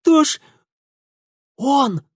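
A man's voice: very high-pitched, lively intonation, no echo, studio quality, pitched above the performer's own voice, full character voice. A man voicing a frightened, tearful young factory girl who rattles off her words in a whiny rustic way. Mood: pleading. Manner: rapid, whiny, dialect-tinged speech.

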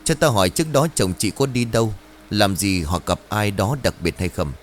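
A man voicing an old male ritual master who speaks in a slow, measured, solemn way. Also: on the low side, animated, a little hiss or hum, lightly acted. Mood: grave.

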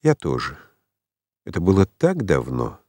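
A man reading the lines of a contented, tender woman in an audiobook, in a soft, lazy manner. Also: deep voice, wildly swooping pitch, measured pace, no room sound, heavily acted.

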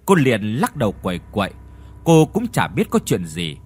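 A man's voice: lowish voice, moderate pace, husky. Man narrating a ghost story. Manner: expressive reading of all roles.

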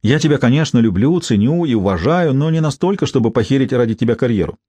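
A man reading the lines of a brisk, wry young policewoman in a recorded audiobook. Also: medium pitch, lively intonation, mellow, no echo, close to an everyday voice.

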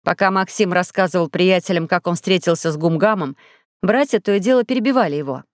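A woman's voice: fairly low pitch, quick pace, dry recording. Dry-voiced woman reading a children's story. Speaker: audiobook narrator. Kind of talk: scripted storybook narration. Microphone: studio microphone.

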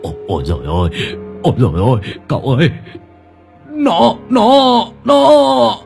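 A man's voice: low-pitched, sing-song, quick pace, music in the background. A man voicing a jittery young male sidekick who stammers when he is scared. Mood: frightened.

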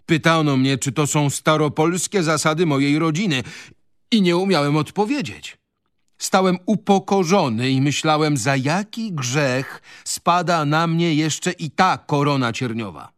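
A man's voice: on the low side, very animated, measured pace, no echo, studio quality. A man reading aloud, voicing a pompous, self-pitying older gentry father in a radio reading of a novel. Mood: indignant. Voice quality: pompous, declamatory.

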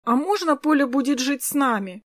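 A woman voicing a lively, chatty little girl in an audiobook, with a high, bright childish voice. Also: normal speed, no echo, studio quality. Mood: eager. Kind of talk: audiobook character voice.

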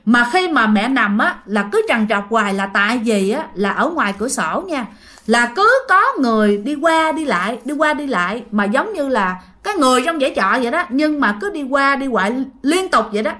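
Speaking with a sharp, fairly quick delivery and lively intonation on the high side, this channel host from Southern Vietnam tells ghost stories in a relaxed, chatty way. She talks directly to her audience and fills her sentences with final particles.

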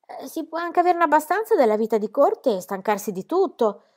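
A woman voicing an exuberant, carefree young girl who talks loudly and teasingly in a storybook reading. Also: high voice, very animated, fairly quick, voice pushed up. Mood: gleeful. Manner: loud, gleeful and teasing.

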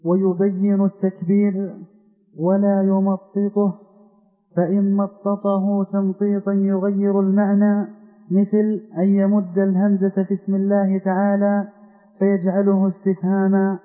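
A man reads a religious text aloud for a lesson, delivering it as a steady recitation. His voice is high, with almost no rise and fall. It comes through a thin, phone-like line with a long hall reverb and faint music behind it. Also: measured pace. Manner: flat recitation. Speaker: student reading the text aloud.

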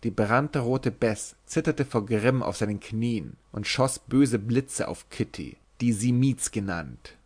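A man reading a literary novel aloud as an audiobook narrator, measured and expressive. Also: medium pitch.

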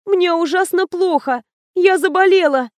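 A woman's voice: very high-pitched, unhurried, no echo, studio quality, pitched above the performer's own voice. Woman putting on a whiny fake-sick young woman. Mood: pleading whine.

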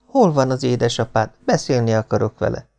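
A man's voice: medium pitch, animated, vocal fry, darkish tone, soft background music. A man voicing a proud, touchy little schoolboy who talks in a stiff grown-up way, in an audiobook reading. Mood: earnest. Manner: earnest, stiffly grown-up, hurt pride. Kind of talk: audiobook character voice.

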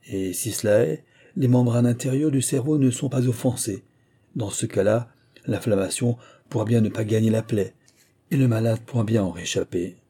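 A man's voice: medium pitch, normal speed, mellow, breathy edge. A man voicing a fussy, evasive village surgeon who rambles and hesitates, in an audiobook. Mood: hedging.

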